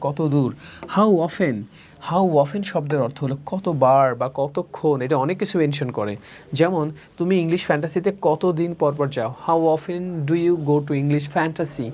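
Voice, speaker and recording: A man's voice: a little high, darkish tone. Man drilling English words. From Bangladesh. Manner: drills words slowly, repeating each form twice. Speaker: English teacher. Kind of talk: recorded spoken-English lesson.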